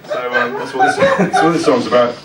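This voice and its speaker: A British man doing live stand-up patter in an awkward, rambling, halting way, like a comic whose jokes are bombing. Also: mid-range voice, wildly swooping pitch, very noisy. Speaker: stand-up comedian with songs. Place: small live comedy venue on stage. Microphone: stage microphone. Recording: echoey live venue, distant, music behind.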